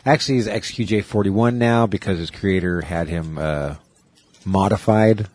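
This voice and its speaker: A man's voice: low-pitched, normal speed, a little mellow, no room sound. A man hosting a podcast, chatting casually in a loose, rambling way with some swearing. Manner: loose, profane, rambling banter. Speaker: podcast host. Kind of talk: casual chat.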